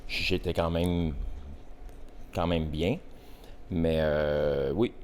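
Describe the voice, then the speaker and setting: A Québécois man in his forties talks as a guest on a casual podcast. His voice sits very low, and he pauses often and searches for words. Faint noise runs underneath. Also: steady tone, darkish tone. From Quebec. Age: 40s. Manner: hesitant, halting with frequent fillers. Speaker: podcast guest, host's father. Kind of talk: casual interview.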